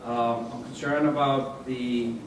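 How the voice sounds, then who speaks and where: A male legislator addresses a panel audience, his remarks halting and full of fillers. He sounds distant from the mic, with heavy room echo and a clear hum of noise behind him. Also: medium pitch, flat delivery. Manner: halting, many fillers and restarts. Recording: echoey hall, distant mic, noisy.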